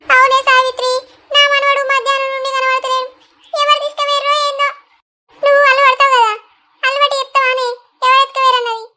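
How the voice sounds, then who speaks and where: A woman's voice: very high voice, little pitch movement, fast talker, bright, forceful tone, full character voice. A woman voicing a worried village grandmother in a cartoon, with a Telangana Telugu accent, pleading anxiously for news of her grandson.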